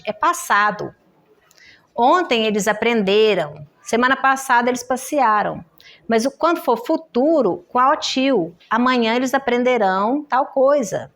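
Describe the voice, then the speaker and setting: A woman's voice: fairly high pitch, fairly bright tone. Brazilian woman teaching a writing workshop. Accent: Brazilian Portuguese. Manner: explanatory, checks in with "tá?" and "né?". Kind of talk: classroom lecture. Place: in-person workshop room.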